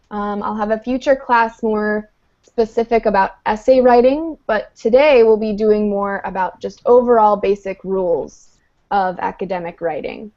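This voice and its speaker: A woman's voice: medium pitch, warm tone. A woman teaching an English class online, explaining patiently step by step with frequent "um"s. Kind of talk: live online lesson. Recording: dull lo-fi online call audio.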